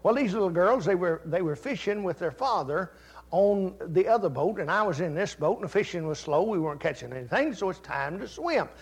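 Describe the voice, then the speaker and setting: An older man preaching a sermon, telling folksy family stories and rising to loud, fervent Scripture reading. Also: sits high, animated, brisk, breathy edge. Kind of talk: sermon with personal story.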